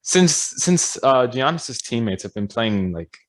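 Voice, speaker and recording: A man's voice: mid-range voice, sing-song, unhurried. A young man co-hosting a podcast in casual chat, hesitant and full of fillers as he works through his points. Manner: hesitant, lots of fillers and restarts. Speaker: podcast co-host.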